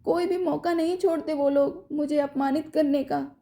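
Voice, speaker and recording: A woman's voice: sits high, expressive, normal speed, voice pushed up. A woman voicing an angry, stubborn young wife who speaks sharply and defiantly. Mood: tearful. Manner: sharp, defiant, later tearful.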